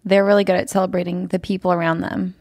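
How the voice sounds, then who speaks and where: A young woman telling a personal story in casual conversation, animated and laughing often. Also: fairly low pitch, fast, no echo, clean studio sound. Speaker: podcast guest, host's wife.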